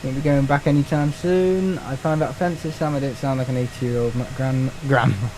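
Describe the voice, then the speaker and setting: A man's voice: mid-range voice, steady tone, fairly quick, background noise. A young man streaming live, chatting casually with viewers, joking and swearing now and then.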